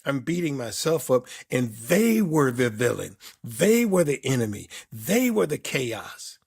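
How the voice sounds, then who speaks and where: A man's voice: medium pitch, sing-song, measured pace, gravelly, a little mellow, slightly rough. A man in his fifties or older, a performance coach answering interview questions in an emphatic, reflective way, stacking repeated words in lists.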